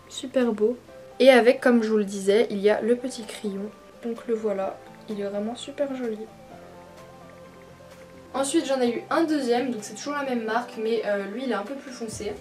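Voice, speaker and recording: Hesitant young woman vlogger, slightly high. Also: moderate pace, a little mellow, far from the mic, soft background music. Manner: hesitant, many fillers, apologetic. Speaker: beauty vlogger. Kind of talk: casual unboxing vlog. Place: her mother's bedroom, indoors. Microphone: camcorder mic.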